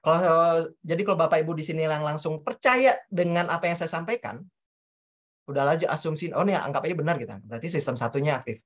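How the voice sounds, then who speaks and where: A woman's voice: low voice, a little fast. A woman presents a coaching workshop, speaking directly to the audience and acting out example questions, with some hesitant restarts. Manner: hesitant restarts while explaining. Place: talk venue before an audience.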